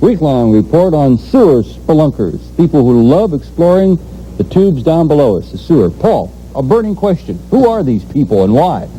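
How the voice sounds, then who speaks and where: Very dark-voiced, lively male news anchor. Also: a little high, moderate pace, a little hiss or hum, low-quality recording.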